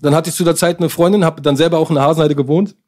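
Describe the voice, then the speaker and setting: A middle-aged man from Germany, telling stories in a slangy, animated casual chat. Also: a little high, racing.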